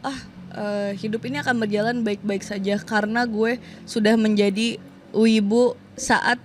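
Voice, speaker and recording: A woman's voice: mid-range voice, steady tone, unhurried, a little hiss or hum. A woman in her thirties, a podcast guest, chatting casually and acting out the voices of people in her stories, laughing often.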